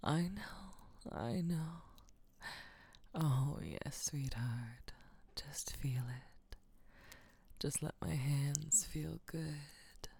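A woman playing a doting female caretaker who talks in a soft, hushing whisper. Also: sits low, very slow, creaky, long pauses, slightly rough, exaggerated voice. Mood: tender, hushing. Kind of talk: intimate audio roleplay.

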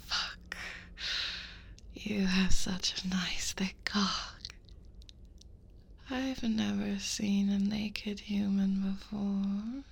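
A woman voicing a hungry, possessive female dragon in a whispered audio roleplay, slow and predatory. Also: medium pitch, flat delivery, creaky, husky, heavily acted. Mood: lustful.

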